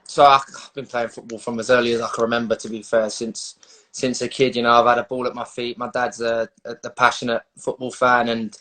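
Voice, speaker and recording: London bloke being interviewed about his football, matey n slangy, pretty flat pitch, bit hesitant. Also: a little fast, poor audio. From London, England. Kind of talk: casual interview chat. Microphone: video call.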